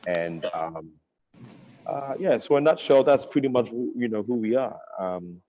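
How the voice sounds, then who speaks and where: A man's voice: medium pitch, expressive, normal speed, warm tone, highs cut off. A man speaking hesitantly, with many fillers, as a clothing brand founder on an online panel. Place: in Ghana.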